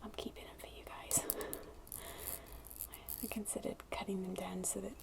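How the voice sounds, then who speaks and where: A woman speaking very softly and breathily in a casual, hesitant ASMR chat to viewers, in a hushed near-whisper. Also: mid-range voice, little pitch movement, unhurried. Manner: very soft, breathy, hushed delivery. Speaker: ASMR video creator. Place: indoors at a wooden table. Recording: clicky tapping noise over close voice. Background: fingernail tapping and scratching on glass bottle.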